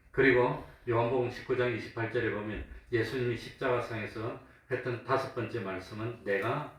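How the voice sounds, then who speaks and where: A male pastor preaching a sermon in a church, asking his congregation questions and answering them himself, and sometimes acting out mocking voices. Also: medium pitch. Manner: acts out the mockers in a raised, taunting voice. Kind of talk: sermon with call-and-response questions. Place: church sanctuary. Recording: very echoey room from a distance, faint hum.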